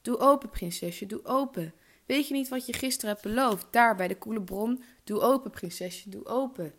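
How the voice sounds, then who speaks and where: A woman's voice: deep voice, normal speed. A woman voicing a fat, pushy male frog in a fairy tale, calling out insistently in a raised voice.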